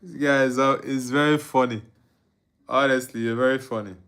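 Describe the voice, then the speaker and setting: This watchalong streamer, a young man from Nigeria, has a mid-range, a bit bright voice with fairly even intonation and normal pacing. During a live football stream he chats casually, reads out viewer comments, chuckles and hums or sings quietly along.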